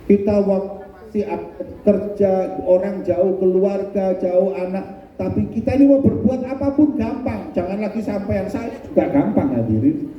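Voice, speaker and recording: A man preaching a storytelling sermon in a mosque hall, humorous and lively, acting out the voices in his stories. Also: high voice, unhurried. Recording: echoey hall, far-off mic, dull sound.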